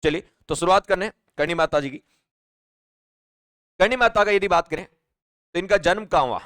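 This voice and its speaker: A man's voice: high voice, moderate pace, a bit bright, no room sound, studio quality. A male teacher giving a live online exam-prep class, chatty and repetitive, often asking his students questions. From Rajasthan, India.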